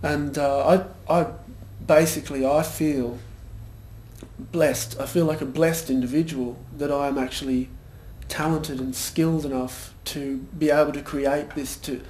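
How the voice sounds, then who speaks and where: A man's voice: a little high, steady tone, unhurried, a little mellow, close to an everyday voice. A young man playing a vain, pompous band frontman in a mockumentary interview, hesitant and full of fillers. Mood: smug. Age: young adult. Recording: echoey room with faint noise.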